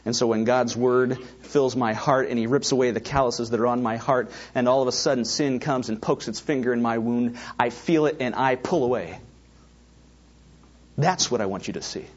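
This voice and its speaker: A lo-fi recording captures a middle-aged pastor with a mid-range voice speaking at a moderate pace. In his sermon he tells personal stories with animation and keeps addressing asides to the congregation.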